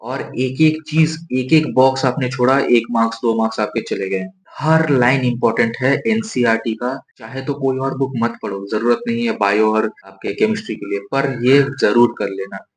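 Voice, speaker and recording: A man's voice: medium pitch, normal speed, few pauses. A young man giving casual, direct study advice for board exams, repeating his instructions in a coaching tone. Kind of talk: casual exam-prep advice to camera. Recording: echoey room with faint noise.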